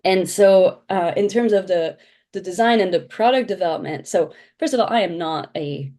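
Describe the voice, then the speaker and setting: Woman founder raised in Belgium, lowish pitch, chatty guest who restarts a lot. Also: normal speed, dark tone. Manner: chatty, explains with many restarts. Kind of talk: casual podcast interview.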